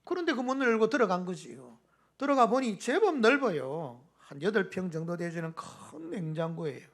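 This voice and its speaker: A male pastor with a Gyeongsang accent preaching a Sunday sermon, swinging between loud appeals and hushed whispers. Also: high-pitched, very animated, normal speed, gravelly.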